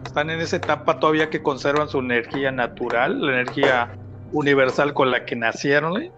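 A man's voice: medium pitch, quick pace, lo-fi sound, music in the background. A man in casual conversation, explaining his views with conviction.

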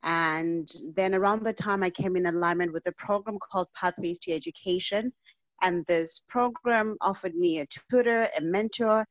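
Woman, 30s, from Zimbabwe, podcast guest; lower voice, earnest storyteller, slightly dull audio. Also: dry recording. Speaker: guest, physician and inspirational speaker.

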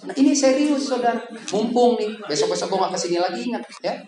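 A man preaching a lively, joking sermon to young people in a casual manner, with sudden loud bursts. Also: sits high, fast talker, a crowd in the background. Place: church hall. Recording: echoey hall with background noise.

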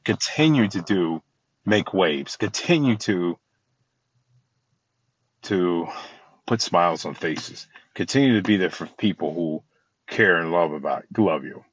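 Male podcast host, deep and earnest, meandering delivery, dry close recording. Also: lively intonation, measured pace, long pauses, slightly rough, dry recording, lo-fi sound. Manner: rambling, heartfelt, many restarts. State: tired. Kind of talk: casual motivational talk.

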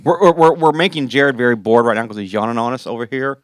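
A man's voice: mid-range voice, fast talker, no room sound. A man hosting a casual podcast chat with his team, laughing often and restarting his sentences. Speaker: podcast host.

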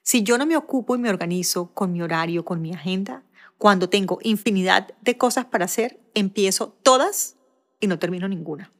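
Solo podcast host, middle-aged woman, Barranquilla Colombian accent, quick and chatty, self-deprecating. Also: medium pitch. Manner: warm conversational, fast-talking, self-deprecating asides.

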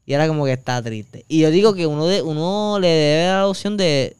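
A Puerto Rican man tells a meandering anecdote, his voice very smooth and resonant with a slightly raised pitch. He piles on fillers and crude slang as he goes. The sound is dry and close, with no room echo. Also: fairly quick, a little mellow. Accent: Puerto Rican Spanish. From Puerto Rico. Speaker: podcast co-host. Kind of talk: casual chat, storytelling.

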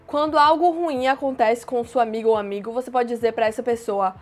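A woman teaching everyday English phrases, explaining plainly and repeating each phrase slowly. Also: on the high side, steady tone, faint music behind. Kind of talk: casual language lesson.

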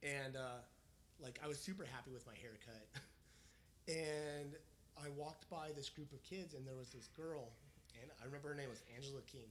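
A man's voice: mid-range voice, moderate pace, a bit bright, a little hiss or hum. A man casually recounting a personal story in conversation, rambling with many fillers and restarts.

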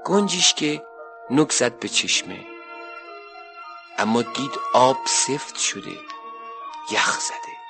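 A man narrating a 1970s children's radio story, lively and expressive. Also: medium pitch, long pauses, music in the background.

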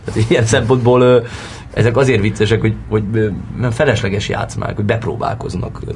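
A man's voice: lowish voice, gravelly, a little hiss or hum. A man from Vojvodina, an actor, telling stories in a casual interview. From Serbia (Vojvodina). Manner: relaxed storytelling with fillers.

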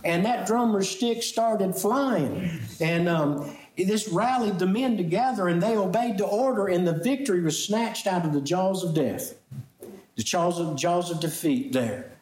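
Male pastor, higher voice, emphatic storytelling sermon, reverberant sanctuary. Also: darkish tone. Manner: storytelling preacher, slow emphatic lines, fillers.

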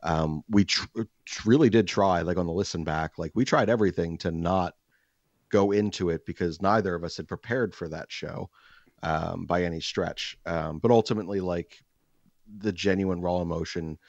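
Male podcast co-host, very low voice, hesitant and filler-heavy, dull lo-fi recording. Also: darkish tone, no echo. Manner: halting, filler-heavy, restarts often. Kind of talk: casual podcast chat.

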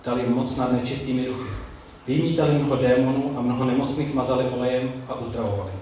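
A man preaching a sermon in a slow, measured way with pauses. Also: medium pitch, fairly even intonation, warm tone, a little hiss or hum. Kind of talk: sermon with Bible reading. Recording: very echoey room, mic far off, faint ambience.

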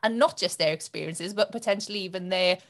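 A woman's voice: lowish voice, fast talker. A woman co-hosting a podcast, asking long thoughtful questions in a casual conversational way. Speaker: podcast co-host.

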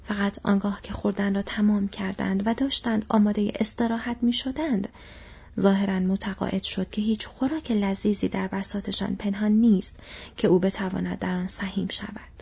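A woman narrating a storybook in a breathy whispered audiobook reading. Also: mid-range voice, fairly even intonation, warm tone. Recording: dull lo-fi recording.

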